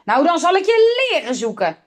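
A woman voicing a stern, angry male schoolteacher who scolds and shouts. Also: high voice, normal speed, pitched above the performer's own voice, natural voice. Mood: scolding.

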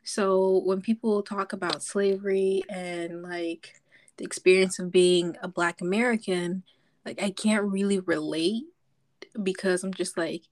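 A woman's voice: medium pitch, steady tone, a little slow, darkish tone. A young woman from Zambia, a podcast guest chatting casually, telling stories with lots of likes and ums. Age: young adult.

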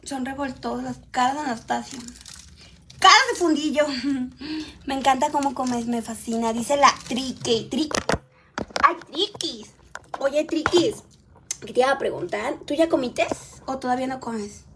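A woman's voice: high-pitched, unhurried, background noise. A woman, chatting casually on a live stream from home, reading viewer comments aloud while she eats. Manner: chatty, reads viewer comments aloud, tends a small child. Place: home, at a meal.

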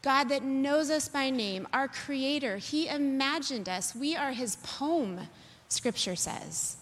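Woman preacher, sermon, slightly high voice, conversational storytelling, long hall reverb. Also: expressive, takes it slowly, a bit bright. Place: church sanctuary.

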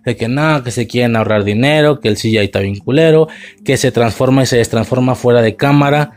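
A man's voice: mid-range voice, brisk, darkish tone. Profane ranting Mexican man. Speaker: video reviewer. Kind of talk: casual review rant.

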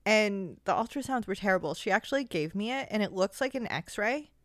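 A young woman in casual chat, talking quickly in loose, laughing stretches full of "like". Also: medium pitch, expressive, dry recording, clean studio sound. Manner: chatty, laughing, lots of "like".

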